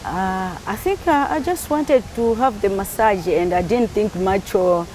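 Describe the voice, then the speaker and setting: A woman's voice: mid-range voice, measured pace, darkish tone, a little hiss or hum, rough recording. A middle-aged woman from Malawi, talking in a casual interview and laughing easily.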